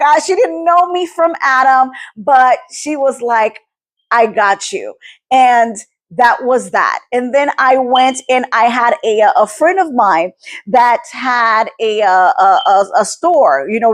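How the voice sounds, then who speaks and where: A woman in her forties sharing a personal faith testimony, emotional and close to tears, repeating words for emphasis. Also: a little high. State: teary, near crying. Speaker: podcast host. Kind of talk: personal testimony, casual talk.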